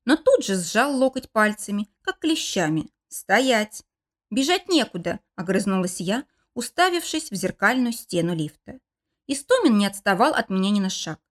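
A woman's voice: medium pitch, big pitch swings, moderate pace. A woman narrating a first-person romance novel as an audiobook, telling the story expressively.

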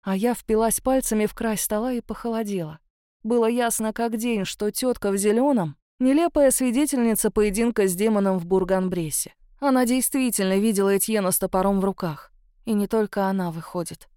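A woman reads a first-person novel in a steady, expressive voice. Her pitch sits in an ordinary middle range. The recording is close and dry with no room around it. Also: brisk, smooth, dry recording. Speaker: audiobook narrator. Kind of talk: first-person audiobook narration.

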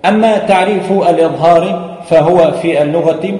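A man's voice: a little high, moderate pace, warm tone. A man teaching a lesson on Quran recitation, explaining step by step with frequent hesitations and chanting verses. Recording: echoey room with long reverb.

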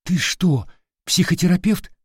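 A man's voice: high voice, unhurried, husky, dry recording, studio quality, voice pushed up. A man voicing a jumpy, pragmatic young man in an audiobook. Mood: panicked. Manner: nervous, defensive. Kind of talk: audiobook character voice.

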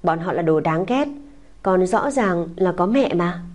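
A woman's voice: lowish voice, lively intonation, measured pace, a little mellow. A woman voicing a small tearful boy who clings and pleads, in a sobbing, whiny child's voice. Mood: tearful pleading. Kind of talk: audiobook character voice.

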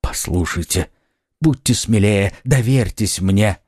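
A man's voice: on the low side, slow, darkish tone, breathy edge, dry recording, studio quality. A man voicing an ardent young nobleman in an audiobook, earnest and insistent. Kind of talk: audiobook acting.

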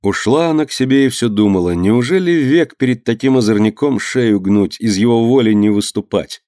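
A man's voice: medium pitch, mellow, dry recording. Brief: a male narrator reading a dramatic tale evenly, dry and close to the mic. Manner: measured, dramatic reading that voices the figures. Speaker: audiobook reader. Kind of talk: storytelling narration.

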